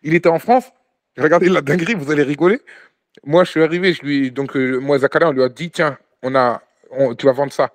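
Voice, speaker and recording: Fast-talking, excitable male storyteller. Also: on the high side. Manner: animated storyteller, acts out dialogue, many restarts. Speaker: hajj travel guide, interview guest. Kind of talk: casual storytelling interview.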